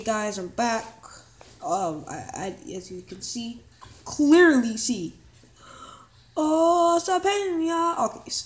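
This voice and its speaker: A woman giving casual, rambling commentary over a gameplay video, excitable and full of quick exclamations. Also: mid-range voice.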